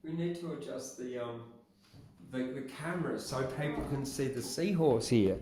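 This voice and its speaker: A man reading his own poems at an open mic and chatting casually between them, hesitant and halting. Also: medium pitch, warm tone, a little hiss or hum. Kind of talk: casual poetry reading with informal chat. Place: echoey room at an open mic event. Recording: echoey room, distant mic.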